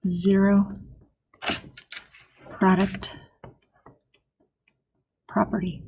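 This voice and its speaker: Husky slow-talking woman math teacher. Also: medium pitch, little pitch movement. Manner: soft-spoken, explains step by step with frequent "right?" checks. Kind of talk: recorded math lesson.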